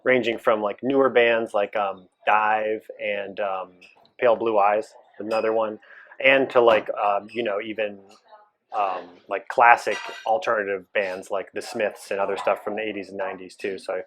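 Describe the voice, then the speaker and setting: A low-voiced man from Massachusetts talks through the story of his band. His answers are easygoing and casual, full of ums and loose asides. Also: normal speed. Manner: relaxed, filler-heavy, rambling. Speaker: band founder, guitarist and singer.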